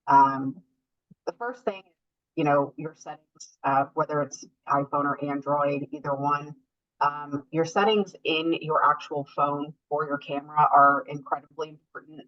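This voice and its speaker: A woman's voice: low-pitched, fairly even intonation, a little slow. A woman teaching an online class over a group voice call, explaining step by step with many filler ums. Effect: heard over an online group voice call. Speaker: workshop instructor. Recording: dull lo-fi call audio.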